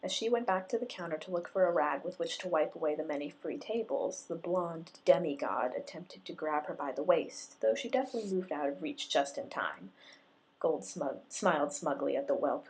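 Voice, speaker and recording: A woman reading fan fiction aloud in a steady, unhurried narration. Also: deep voice, low-quality recording. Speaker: reader.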